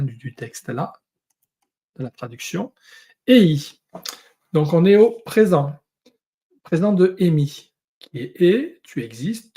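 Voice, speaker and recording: A man teaching a lesson, going through Hebrew and Greek words one at a time with many pauses. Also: medium pitch, warm tone, husky. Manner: explains word by word, pausing often. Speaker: Bible teacher.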